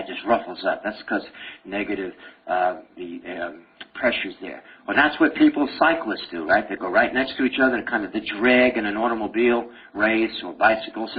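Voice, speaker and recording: A man's voice: medium pitch, slight background noise. A man giving a medical lecture to a class, joking and firing questions at the students. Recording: tinny phone-like lecture recording.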